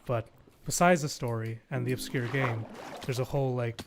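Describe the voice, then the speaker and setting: A man's voice: medium pitch, steady tone, moderate pace, background noise. Laid-back young man chatting slangily. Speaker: stream co-host. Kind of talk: casual chat.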